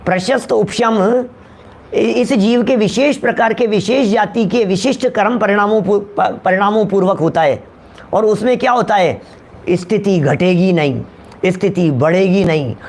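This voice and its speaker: A man lecturing a class on scripture, repeating his points and calling on listeners by name, often asking whether they follow. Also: sits high. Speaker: teacher of scripture.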